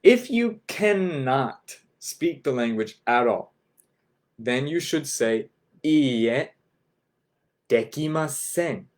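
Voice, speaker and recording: A man teaching a beginners' language class, speaking slowly and patiently, repeating phrases and checking in with "right?". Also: lively intonation. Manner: models phrases with a raised, lilting pitch.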